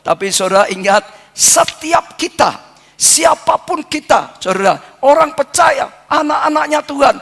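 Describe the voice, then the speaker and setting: An older man preaching a sermon, fervent, building into chanted shouted repetitions and dropping low between them. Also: expressive, a little slow, vocal fry. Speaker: pastor. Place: church hall. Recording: echoey church hall with music.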